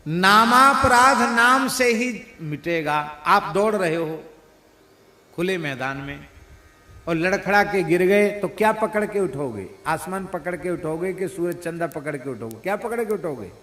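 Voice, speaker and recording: A man's voice: sits high, lively intonation, pushed and bright. Man preaching in an echoey hall. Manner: sings devotional verses slowly, explains with playful imitation of mispronunciations. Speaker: spiritual preacher. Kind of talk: devotional sermon with sung verses. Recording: roomy echoing hall.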